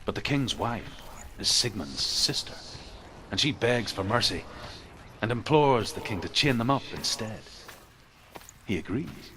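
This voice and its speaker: An actor playing a grave storyteller of old legends in a video game, measured and suspenseful. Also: male voice, lowish voice, big pitch swings, bright, forceful tone, a little hiss or hum, full character voice. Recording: clear background ambience.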